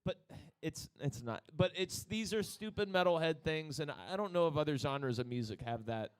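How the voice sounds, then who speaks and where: A man's voice: fairly high pitch, lively intonation, moderate pace, clear, resonant tone. A man with a New Jersey accent, co-hosting a casual chat about metal albums and rambling through jokes and side stories. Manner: rambling, joking, with exaggerated quoted voices. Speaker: podcast co-host.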